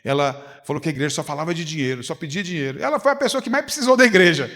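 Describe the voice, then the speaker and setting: A man's voice: fairly high pitch, animated, racing, a bit bright, in a large hall. A man preaching a conversational sermon with a Goiás Brazilian Portuguese accent, acting out little dialogues and asking his listeners rhetorical questions. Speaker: pastor. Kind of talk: sermon at a leaders' retreat. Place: church hall.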